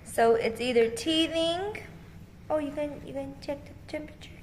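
A woman in her thirties chatting casually for a vlog in an informal, expressive way, held at arm's length from the mic. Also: high voice, moderate pace. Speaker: family vlogger. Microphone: phone or camera at arm's length. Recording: clear background noise.

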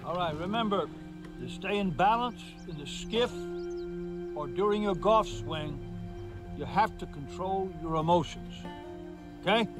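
A man's voice: high voice, lively intonation, a little slow, pauses often, over music. An actor in his seventies playing a wise, firm, folksy golf mentor in a film, speaking plainly and instructively. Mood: coaching. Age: 70s. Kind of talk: naturalistic film acting.

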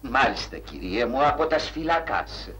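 An actor playing a formal, effusive former bank cashier who speaks in old-fashioned phrases, in a 1960s film. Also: male voice, mid-range voice, very animated, vocal fry, pushed and bright, slight background noise, full character voice.

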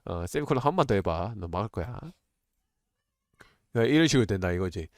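A man chatting casually with viewers on a livestream, talking in a blunt, excitable, informal way. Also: lowish voice, fast talker, no room sound, clean studio sound. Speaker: live streamer.

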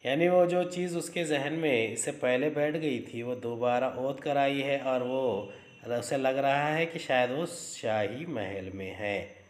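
Brief: male teacher reading stage directions and glossing old words in an echoey room, mid pitch. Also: slow. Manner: explanatory, stops to gloss words. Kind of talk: reading and explaining a play for a school lesson. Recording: roomy echo.

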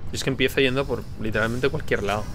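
A man's voice: mid-range voice, fairly even intonation, fast, soft background music. Man muttering through a game. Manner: mutters to himself, bursts into loud frustrated swearing. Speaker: gaming streamer. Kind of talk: casual gameplay commentary with friends.

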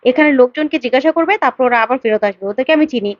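A woman's voice: high-pitched, rapid-fire, no room sound, natural voice. A woman voicing a young man in hiding who hurriedly insists he must leave, on a dull lo-fi recording. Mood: urgent.

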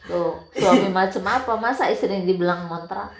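A woman's voice: mid-range voice, moderate pace. A woman complaining sulkily to her husband in a casual family chat. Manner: sulky, complaining. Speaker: wife. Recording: echoey room.

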